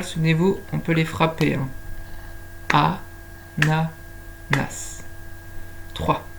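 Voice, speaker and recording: A woman's voice: lowish voice, slight background noise. A woman teaching young children to spell by sound, patiently stretching out each syllable. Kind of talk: slow phonics lesson for young children.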